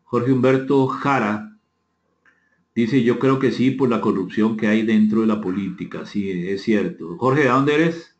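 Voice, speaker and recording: At a measured pace and with a fairly low voice, a Costa Rican-accented man from Costa Rica hosts an online session indoors. He courteously asks for participation while reading chat comments aloud, repeating phrases as he answers them. Audio quality is muffled and dull, with an echoey room.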